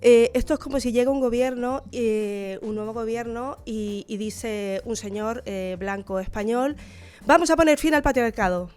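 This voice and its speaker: Chilean woman, high voice, thoughtful radio guest w lots of fillers. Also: moderate pace, darkish tone, smooth. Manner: thoughtful, many fillers and restarts. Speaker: guest researcher. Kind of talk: radio interview.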